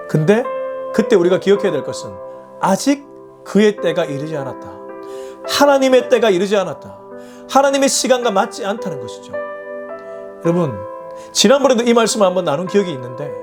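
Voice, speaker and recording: A pastor with a notably high voice preaches a morning sermon. He reads scripture and then unpacks it earnestly in simple, conversational words. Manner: earnest, explains verses in plain everyday terms. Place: church or small studio for an online morning service.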